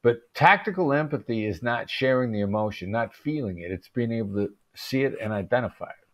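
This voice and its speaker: A man as an interview guest, explaining calmly and in measured terms, with occasional restarts. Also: mid-range voice. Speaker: interview guest, negotiation expert.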